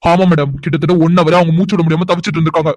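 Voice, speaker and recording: A man voicing a formal male doctor in a cartoon, measured and reassuring as he gives medical instructions. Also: on the high side, fairly even intonation, no echo, close to an everyday voice. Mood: grave.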